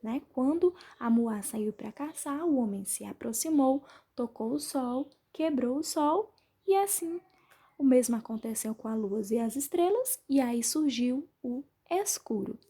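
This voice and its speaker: A woman teacher from Brazil, patiently going through the answers of an exercise for her class and spelling them out slowly. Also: high voice, animated, mellow, husky. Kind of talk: remote class lesson, correcting exercises.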